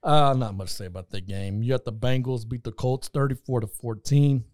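A man co-hosting a sports podcast, chatting casually, laughing often and trailing off quietly. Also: mid-range voice, brisk, no echo. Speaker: podcast co-host. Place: studio room on camera.

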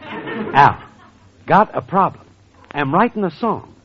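A man playing a brash, wisecracking young schemer writing a song, with a husky voice, in 1940s radio comedy style, on a dull old recording. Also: a little high, lively intonation, slow, a faint crowd, heavily acted. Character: fast-talking male songwriting schemer.

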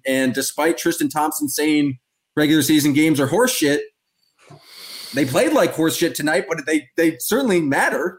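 A man hosting a casual sports podcast, rambling and opinionated with a joking edge. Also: fairly high pitch. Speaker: podcast host.

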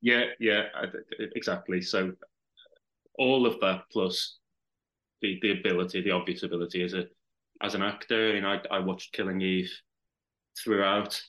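A man's voice: deep voice, fairly even intonation, moderate pace, pauses often, pushed and bright, poor audio. A man from Liverpool with a Liverpool accent, chatting as a podcast guest and rambling with many restarts. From Liverpool, England. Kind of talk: casual chat.

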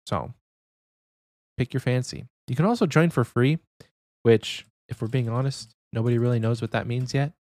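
A man's voice: mid-range voice, moderate pace, no echo. A young adult man co-hosting a podcast in casual chat, keeping his voice down. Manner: talking quietly to avoid waking someone. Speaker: podcast co-host.

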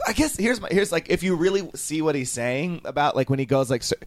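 A man's voice: fairly high pitch, animated, a little fast. A young man co-hosting a comedy podcast who talks animatedly, laughs often and puts on mocking voices. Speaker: podcast co-host. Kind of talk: casual comedic chat.

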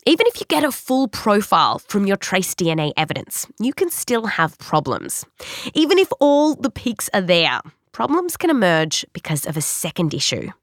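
Animated Australian woman narrating. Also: mid-range voice, normal speed, no echo, studio quality. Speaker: host and narrator. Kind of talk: scripted science documentary narration.

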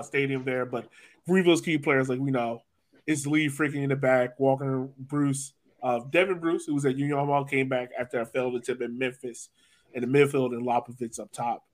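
A man from Virginia with an American accent hosts a casual soccer podcast, speaking in an informal, slangy style. His voice is medium in pitch and steady, at a normal speed.

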